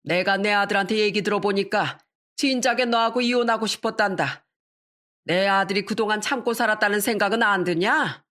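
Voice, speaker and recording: A woman's voice: medium pitch, fairly quick, fairly bright tone, close to an everyday voice. A domineering old father-in-law, read by a woman. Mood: scolding. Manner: scolding, self-righteous.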